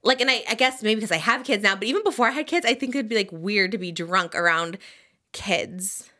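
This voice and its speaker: A young adult woman hosting a podcast in casual chat, animated and full of "like" and "literally". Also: mid-range voice, fairly quick. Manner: animated, says "like" and "literally" often. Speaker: podcast host.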